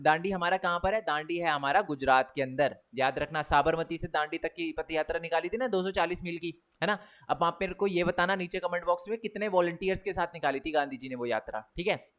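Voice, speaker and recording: A man's voice: fairly high pitch, fairly bright tone. Chatty man teaching exam revision. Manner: chatty, repeats tag questions. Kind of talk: online exam revision lesson.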